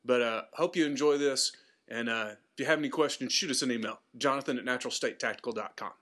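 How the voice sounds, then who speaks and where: A man's voice: mid-range voice, fast, fairly bright tone. A man casually introducing a podcast episode as its host, in an informal, slightly apologetic way.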